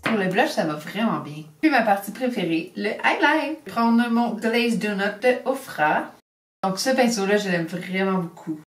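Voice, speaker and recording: Speaking at normal speed with lively intonation and a mid-range voice, this young Québécois beauty vlogger unboxes products and applies makeup while chatting cheerfully and slipping in English beauty words. Faint music plays behind her, and her voice comes across slightly off-mic in an echoey room with a distant mic.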